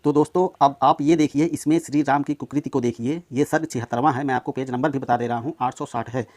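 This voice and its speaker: A man's voice: mid-range voice, steady tone, fast, a little mellow. A man reading a translated scripture passage aloud, citing page and verse numbers and explaining as he goes. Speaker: scripture reader.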